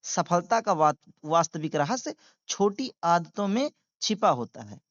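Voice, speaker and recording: Man, reading teacher, spells out words, lively rising and falling tone, dull dry recording. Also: high-pitched, a little slow, no room sound. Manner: spells words letter by letter, then translates; patient, repetitive drilling. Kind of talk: beginner reading lesson.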